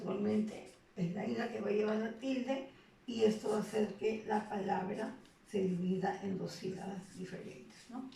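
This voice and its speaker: A woman's voice: medium pitch, creaky, dark tone, recorded from a distance. A woman gives a lesson as a teacher. She explains step by step and often checks in with tag questions. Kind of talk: recorded classroom lesson. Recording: echoey room, voice off-mic, faint noise.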